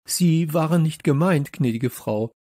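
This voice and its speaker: A man's voice: fairly high pitch, unhurried, mellow, no room sound, clean studio sound, pitched above the performer's own voice. A man reading a children's audiobook, voicing a flustered, stammering man hiding in the school. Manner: stammering, talks with full mouth.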